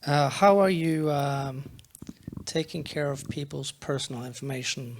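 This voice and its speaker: A man asking questions as a panelist, hesitant and pausing between phrases. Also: medium pitch, fairly even intonation, vocal fry.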